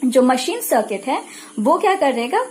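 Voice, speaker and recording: Here the physiotherapy lecturer, an Indian-accented woman, is very animated and high-pitched yet speaks at a measured pace, with a little hiss or hum behind her. She explains in mixed Hindi and English, repeating herself didactically and answering her own questions.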